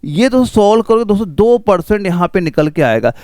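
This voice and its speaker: Male math tutor for exam prep, high clear voice, dry close sound, talks each step through with rhetorical questions. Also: big pitch swings, fast, warm tone, no room sound.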